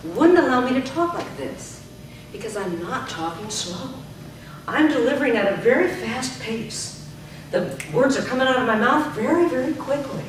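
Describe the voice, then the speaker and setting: A woman's voice: sits high, lively intonation, moderate pace. A woman leading a speaking workshop as a speech coach, stretching out syllables when she demonstrates. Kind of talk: teaching a workshop. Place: club meeting room. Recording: echoey room, far from the mic, noisy.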